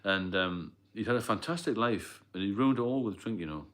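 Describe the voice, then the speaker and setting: Low-voiced man chatting on a livestream. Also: lively intonation, a little fast, fairly bright tone. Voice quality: rambling, plain-spoken with frequent restarts. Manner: reads and answers viewer comments as he goes. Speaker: livestream host. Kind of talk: casual live-stream chat.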